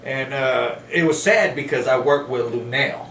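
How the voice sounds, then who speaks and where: A comedian hosting his podcast in easy, mid-pitched chat, quick with a teasing jab. The mic is some distance away in an echoey room, with a faint hum of ambience underneath. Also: fairly bright tone. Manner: joking, teasing banter. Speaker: podcast host and comic.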